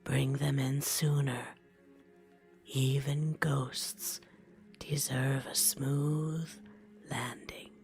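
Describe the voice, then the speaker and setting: A woman voicing a kindly, gravelly old woman who runs a wing-repair shop, in a slow, hushed ASMR roleplay with music behind. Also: extremely low pitch, little pitch movement, voice pushed down, full character voice. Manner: hushed, slow, motherly whisper.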